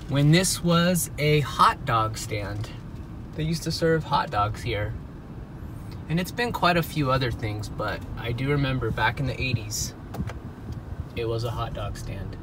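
An older man with a mid-range voice strolls a city street, recording a casual walking vlog amid background noise. His talk is chatty and reflective, and he keeps interrupting himself to reconsider his words.

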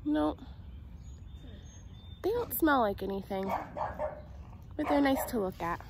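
A woman in her twenties with a high-sitting voice and lively intonation speaks slowly to small children, teacher-style, as if on a nature walk, using simple sing-song phrases and questions. The recording is very noisy, made outdoors in a residential yard on a handheld phone at arm's length.

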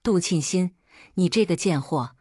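A woman's voice: on the low side, unhurried, a little mellow, no room sound, studio quality. A woman voicing an enraged, vicious husband who snarls insults and accusations in a read-aloud story. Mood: furious.

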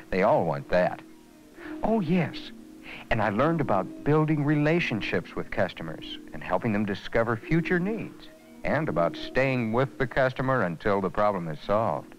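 In a 1980s educational film, the male lead reflects earnestly on the lessons he has learned, his intonation lively. He has a fairly low-pitched voice, and the audio sounds dull.

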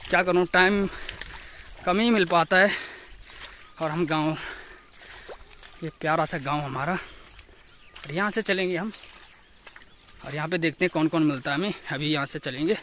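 A man's voice: fairly high pitch, measured pace, long pauses, slight background noise. A young man from Uttarakhand narrating a walking vlog through his hill village, recorded outdoors on a handheld camera, greeting neighbours as he goes. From Uttarakhand, India. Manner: chatty, greets villagers warmly with loud calls. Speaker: vlogger.

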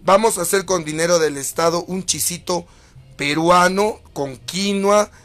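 A man with a Peruvian accent and a rather high voice rants through viewer comments in a casual, profane way. He is theatrical, jumping from loud mocking outbursts to low, grumbling asides. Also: unhurried, soft background music. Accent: Peruvian Spanish. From Peru. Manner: theatrical and crude, swinging from mock shouting to low mutters. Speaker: video host reading viewer comments.

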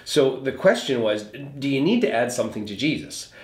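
A man with a medium-pitched, widely swinging voice speaks fairly quickly, recapping a sermon as a pastor. He explains scripture in an earnest, conversational way and repeats points for emphasis. The recording has a roomy echo.

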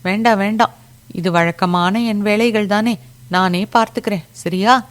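A woman's voice: mid-range voice, a little slow, pitched above the performer's own voice, natural voice. A woman voicing a flustered young village woman who talks her way past a neighbor's questions in a storybook reading. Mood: evasive. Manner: flustered, brushing things off. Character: Lakshmi, anxious young village woman covering up.

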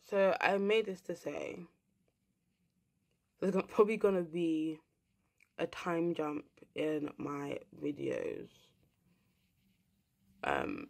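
Blunt, rambling woman vlogger, low voice. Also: gravelly. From England. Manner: rambling, blunt, swears freely. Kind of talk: casual ranting monologue.

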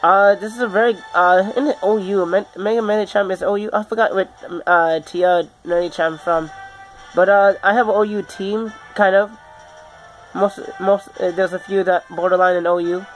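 A man who is sick, hosting his gaming channel and giving halting, self-correcting video game commentary over faint background music. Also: sits high, steady tone, low-quality recording. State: sick, under the weather.

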